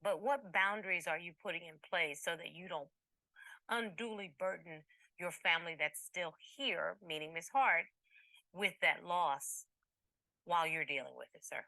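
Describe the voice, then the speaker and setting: A woman's voice: fairly low pitch, moderate pace, vocal fry, pushed and bright, no room sound, rough recording. A woman presiding as a TV court judge, questioning and admonishing in an authoritative, direct way with some playful teasing.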